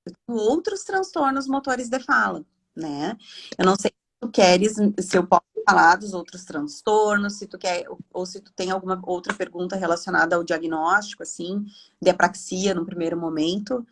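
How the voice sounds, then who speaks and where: A woman, a speech therapist speaking from home on a video call in a live online talk, explaining in a chatty, animated way. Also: on the low side, moderate pace.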